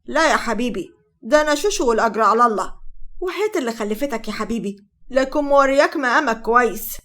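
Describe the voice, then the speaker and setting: A woman voices a brash, mocking young woman with an Egyptian accent in a narrated story. She fires off taunts fast and high. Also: expressive, a bit bright. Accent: Egyptian Arabic.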